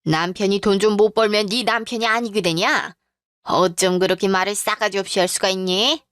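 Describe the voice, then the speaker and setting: A woman's voice: mid-range voice, moderate pace, fairly bright tone, clear, resonant tone, no echo, studio quality, natural voice. A woman voicing a domineering older mother-in-law who scolds harshly and commands. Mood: scolding.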